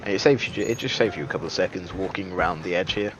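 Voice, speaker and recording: A man's voice: sits low, fast, over music. A man giving casual, joking gameplay commentary as a streamer, chatty and self-deprecating with lots of fillers. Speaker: game streamer.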